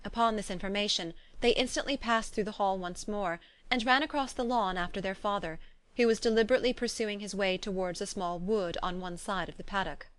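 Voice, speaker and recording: A woman narrating an audiobook in a measured, even reading voice. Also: medium pitch. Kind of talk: scripted narration.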